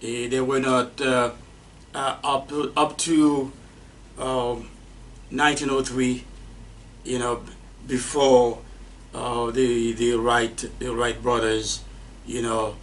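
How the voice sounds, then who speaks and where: A man giving an unscripted lecture on flight history, halting and repeating himself with many fillers. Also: mid-range voice, little pitch movement. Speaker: aviation instructor. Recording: distant mic with faint noise.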